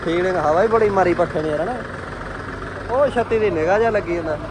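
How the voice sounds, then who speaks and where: Male vlog host, slightly high voice, informal and chummy, recorded outdoors with some engine noise. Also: fast. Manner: informal, chummy address to viewers and friends. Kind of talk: casual vlog commentary. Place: outdoors at a farm machinery fair.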